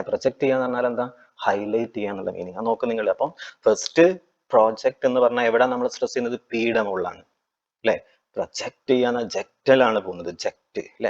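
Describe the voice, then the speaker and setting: A man teaching an exam-prep lecture, asking his students frequent tag questions and reading English lines slowly. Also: on the low side, darkish tone, muffled recording.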